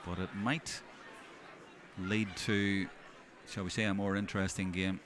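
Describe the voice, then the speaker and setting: Male match commentator, lower-pitched, observational play-by-play from an outdoor stand with loud crowd and background noise. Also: level tone, measured pace. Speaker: sports commentator. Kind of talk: live hurling match commentary.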